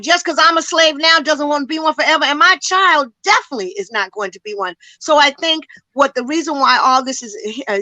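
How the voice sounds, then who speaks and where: A woman community educator speaks passionately in a panel discussion, emphatic, full of rhetorical questions and a little out of breath. Her high voice has a sharp tone, with no room sound and poor audio.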